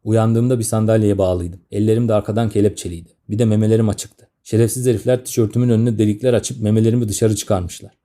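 A man in his thirties tells a comic story in the first person, grumbling and sardonic. His voice is low and very dark and mellow. He rushes through his sentences at a fast clip. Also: fairly even intonation. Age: 30s.

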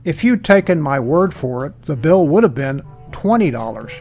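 Deadpan weary vet, a man playing him. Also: on the high side, normal speed, soft background music. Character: weary, deadpan male veterinarian.

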